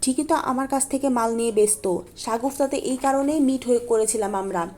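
A woman's voice: fairly high pitch, brisk, dark tone, natural voice. A woman voicing a resentful young man who lashes out at a friend in a storybook reading. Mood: bitter.

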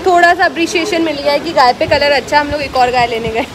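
High-voiced young woman vlogging in noisy cafe. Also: quick pace. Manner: chatty, joking, frequently laughing. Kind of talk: casual vlog chat with cousins. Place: busy cafe, indoors. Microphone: phone camera at arm's length. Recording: loud cafe background noise.

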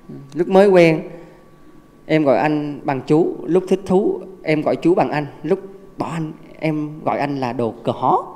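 A Buddhist monk preaches to a crowded temple hall, his voice pitched a little high for a man. He jokes and keeps asking his listeners questions in a lively way. A long reverb trails each phrase. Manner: lively, joking, asks the audience questions. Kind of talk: humorous dharma talk.

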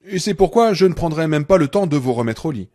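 A man's voice: fairly high pitch, expressive, fast, dark tone. A male reader voicing a sarcastic, menacing woman nurse who holds a man captive in an audiobook. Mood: mock-sweet sarcasm. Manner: sarcastic, seething, sudden rage.

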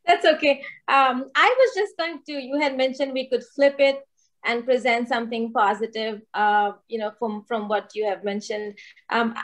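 A woman who is a dental faculty panelist, speaking softly on a video call and often pausing with fillers. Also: on the high side. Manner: soft-spoken, many fillers like um and you know. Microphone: laptop webcam on video call.

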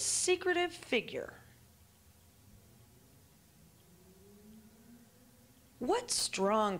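A young woman playing an earnest, sensationalist TV field reporter in a portentous parody news anchor style. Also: medium pitch. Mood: portentous, serious. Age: young adult. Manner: melodramatic, portentous news delivery. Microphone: handheld microphone.

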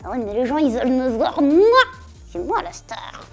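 A woman's voice: sits high, expressive, moderate pace, warm tone, faint music behind, pitched above the performer's own voice. A woman ventriloquist voicing a cheeky, boastful male puppet who is naive and tactless. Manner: naive, tactless, self-important. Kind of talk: ventriloquist act.

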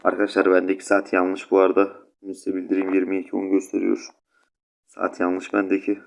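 A man's voice: deep voice, monotone, a little fast, vocal fry, poor audio. Sleepy young man with a stuffy nose. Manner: chatty, rambling, keeps addressing viewers. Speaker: gaming channel host. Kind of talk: casual gameplay commentary.

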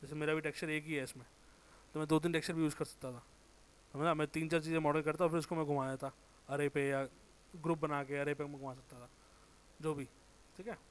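A man with a sore throat giving a casual, informal software tutorial, thinking aloud, correcting himself and muttering as he works. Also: a little high, fairly even intonation, fast, pauses often. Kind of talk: casual screen-recorded tutorial.

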